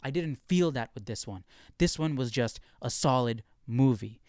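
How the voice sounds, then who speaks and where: A man giving a casual, conversational film review, thinking out loud as he talks. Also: medium pitch, lively intonation, normal speed, no echo, studio quality.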